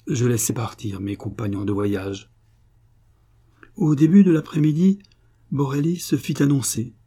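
A man reading a literary novel aloud in a measured, expressive way. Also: mid-range voice. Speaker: audiobook reader. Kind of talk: literary audiobook narration.

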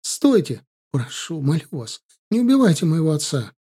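A man's voice: on the high side, sing-song, moderate pace, warm tone, breathy edge, voice pushed up. A man voicing a frightened young shepherd boy who stammers out desperate pleas. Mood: terrified pleading.

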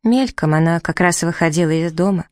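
A woman's voice: on the low side, a little fast, a little mellow, no echo, clean studio sound, close to an everyday voice. A woman reading the part of a playful, mischievous young woman who teases her sister with ironic remarks. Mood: teasing.

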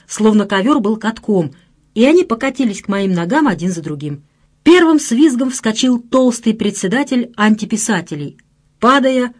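Brief: a woman with a higher voice reading a first-person audiobook wryly. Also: a little mellow. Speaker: audiobook narrator.

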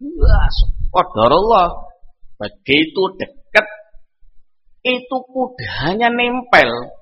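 A man's voice: sits high, slow pace, muffled recording. A man, preaching a sermon and telling a story animatedly, acting out the voices of the people in it. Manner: animated, acts out dialogue, mixes in Javanese phrases. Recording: long hall reverb.

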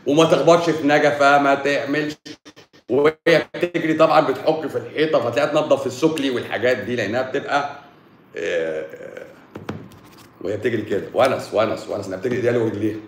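A man's voice: mid-range voice, racing, reverberant, a little hiss or hum. A man with an Egyptian accent, a doctor giving a casual, joking talk on health in colloquial speech. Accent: Egyptian Arabic. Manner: joking, colloquial, animated explaining.

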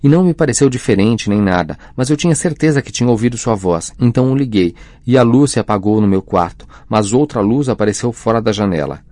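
A man voicing a flustered teenage boy wizard who tells his story in a hurried, defensive way in an audiobook. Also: medium pitch, animated, darkish tone, no room sound, studio quality, natural voice. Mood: earnest.

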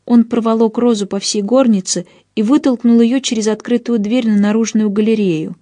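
A woman narrating an audiobook in the first person, with an expressive storytelling delivery on a close mic. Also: on the high side, moderate pace, dry recording.

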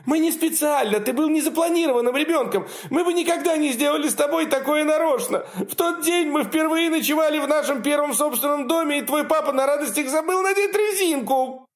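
A man voicing a panicked, tearful mother who pleads in a very high, shrill voice. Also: fairly quick, hardly any pauses.

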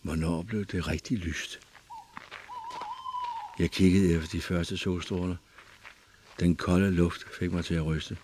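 A man narrating an audiobook in a measured, expressive storytelling manner. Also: deep voice, slight background noise.

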